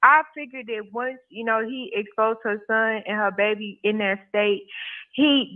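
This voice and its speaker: A woman of about twenty calling in to a live show, talking casually and matter-of-factly, with many "you know" fillers. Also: mid-range voice. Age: 20s. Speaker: caller. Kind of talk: casual call-in chat. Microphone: phone. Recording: tinny phone line.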